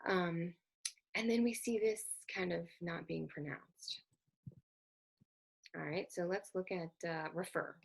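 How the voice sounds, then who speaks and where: Husky, gravelly-voiced woman teaching spelling. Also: lowish voice, steady tone, takes it slowly, long pauses. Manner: explanatory, spells out letters, frequent ums and self-corrections. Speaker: literacy educator presenting slides. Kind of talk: recorded presentation lecture.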